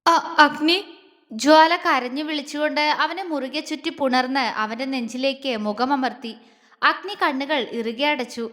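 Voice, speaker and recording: A woman with a high voice narrates a story in a steady, expressive way. The recording has a long reverb, as if in an echoey room. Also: normal speed.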